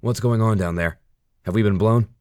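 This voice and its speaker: A man's voice: lowish voice, normal speed, a little mellow, clean tone, no room sound, clean studio sound, voice pushed up, close to an everyday voice. A man voicing a tense male special-forces team leader in an audiobook, giving clipped, urgent orders.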